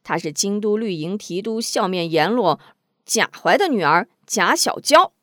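A woman reading a story, voicing a bold, sharp-tongued woman outlaw who talks back with fierce defiance. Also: lively intonation, a little slow, no room sound, studio quality, natural voice. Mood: defiant. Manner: shrill, struggling, self-mocking laughter.

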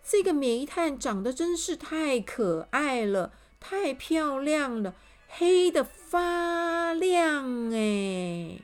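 An exceedingly polite, cheerful gentleman, voiced by a woman reading a children's story, who speaks in a high, sweet, gushing tone. Every line is courteous and eager to please. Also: very animated, drawn-out words, soft background music, full character voice. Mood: gushing politeness. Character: overly polite, cheerful birthday-host gentleman.

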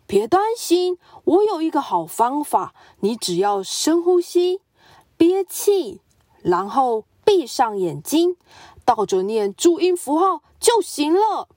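A woman's voice: high-pitched, big pitch swings, slow, dry recording, studio quality, pitched above the performer's own voice, heavily acted. A woman voicing a friendly tiger who eagerly offers advice. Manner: eager, bright.

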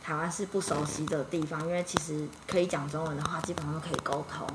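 A woman from Yilan with a Taiwanese Mandarin accent, a podcast guest telling stories in an animated, chatty way full of fillers and restarts. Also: low-pitched, fast, background noise. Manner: animated, chatty, frequent fillers and self-corrections. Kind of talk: casual storytelling chat.

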